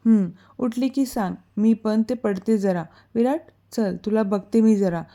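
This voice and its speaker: A woman's voice: a little high, a little slow, dark tone. A woman voicing a proud old grandmother who sulks and scolds, in a storybook reading. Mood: grumbling. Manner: sulky, scolding, takes offence.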